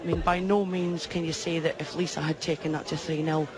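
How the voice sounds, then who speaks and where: Female sports co-commentator, conversational yet emphatic, speaking over a clearly audible live crowd. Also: low voice, little pitch movement, a little fast. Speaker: darts co-commentator. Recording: busy crowd behind commentary. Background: darts crowd.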